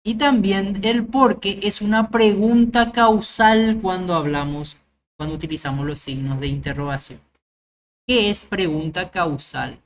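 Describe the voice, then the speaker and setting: A woman's voice: medium pitch, measured pace, a little hiss or hum. A woman teacher, giving a grammar lecture step by step with examples and often checking that the class understands. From Paraguay.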